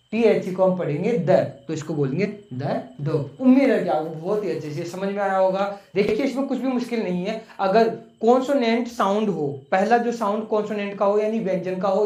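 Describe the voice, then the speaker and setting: A man's voice: sits high, darkish tone. Patient male teacher in an echoey room. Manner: patient, repeats points and asks rhetorical questions. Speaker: online English teacher. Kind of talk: explaining grammar to viewers.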